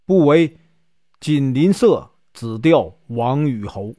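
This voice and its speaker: A man with a Northeastern Mandarin accent voicing a calm, unhurried old male sage in a told folk story. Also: no room sound, studio quality. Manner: slow, measured, low delivery.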